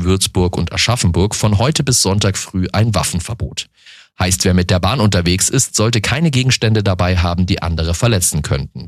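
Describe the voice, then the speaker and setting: Man, radio newsreader, deep voice, dry studio sound, steady delivery. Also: no room sound. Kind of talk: radio news reading.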